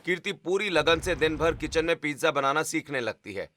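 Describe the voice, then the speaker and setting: A man reads the narration of an animated story in a steady, scripted way. His voice is bright and sits a little high. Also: a little fast, a little hiss or hum.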